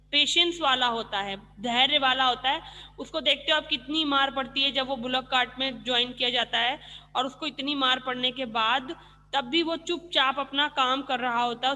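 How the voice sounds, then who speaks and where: Bright-voiced woman teacher, echoing room. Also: high voice, normal speed. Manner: explains patiently, asks questions and answers them herself. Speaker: school teacher. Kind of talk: online class lesson explaining vocabulary.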